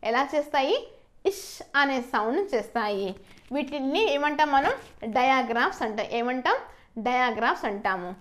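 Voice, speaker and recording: A woman gives a slow, step-by-step English spelling lesson, spelling out the letters and then saying each word loudly and drawn out, asking questions and answering them herself. Her voice is high and expressive, at a normal speed.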